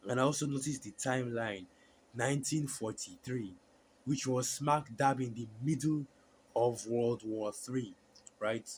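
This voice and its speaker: Delivering a sermon at a medium pitch, this man sounds hoarse from a sore throat. His scripture reading halts repeatedly, packed with fillers and restarts, and the recording has a touch of hiss or hum.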